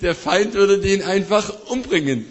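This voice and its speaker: Male church interpreter, fairly high voice, echoing hall, matches the preacher's intensity. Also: lively intonation, measured pace. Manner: follows the preacher's energy, hesitant fillers. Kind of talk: live sermon interpretation. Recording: echoey hall.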